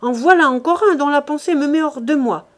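A woman voicing a cowardly middle-aged husband who shouts and blames everyone in a panic. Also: sits high, fairly quick, voice pushed up, close to an everyday voice. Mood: furious. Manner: shouting, blaming, frantic.

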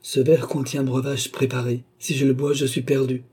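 Entranced young noblewoman, dreamy and halting, voiced by a man with a husky tone, audiobook. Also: mid-range voice, level tone, warm tone, voice pushed up, close to an everyday voice. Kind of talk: audiobook character reading.

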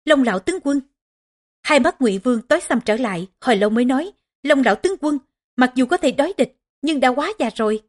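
A woman's voice: sits high, animated, fast talker. Woman narrating a historical audiobook. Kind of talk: scripted narration of a historical novel.

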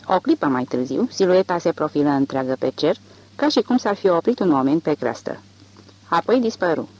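Measured audiobook narrator, literary fiction, mid pitch, very lively intonation. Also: poor audio.

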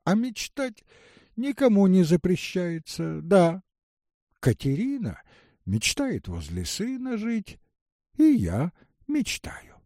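A man's voice: high-pitched, wildly swooping pitch, takes it slowly, pauses often, mellow, no echo, studio quality, exaggerated voice. A man reading an audiobook, voicing a touchy, dreamy old village woman who speaks earnestly. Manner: earnest, plaintive, musing.

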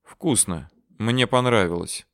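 A man's voice: on the low side, takes it slowly. Man playing a laconic, cool deserter commander. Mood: calm. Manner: calm, dry, terse.

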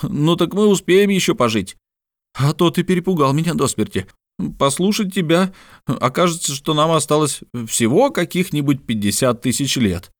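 Excitable joking adventurer, a man doing the voice, high and lively, storybook reading, dry recording. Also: fairly quick, few pauses, no echo, close to an everyday voice. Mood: excited. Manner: animated, exclaiming.

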